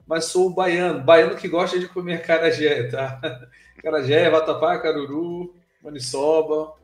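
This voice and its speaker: A higher-pitched man from Bahia hosts a live online chat, speaking. He talks in a relaxed, informal way, with plenty of filler words. His voice carries a noticeable room echo. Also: moderate pace. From Bahia, Brazil. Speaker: live show host. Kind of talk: casual live interview.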